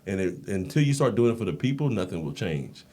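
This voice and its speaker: This podcast guest is an American Marine and endurance coach who talks fast in a lowish voice. His casual, anecdotal interview talk is full of lively stories where he performs the dialogue himself.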